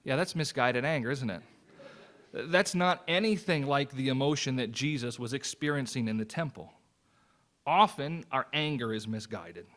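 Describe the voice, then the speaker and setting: A man's voice: medium pitch, moderate pace, a bit bright. A man preaching a sermon as associate pastor, in an earnest, conversational way with personal stories.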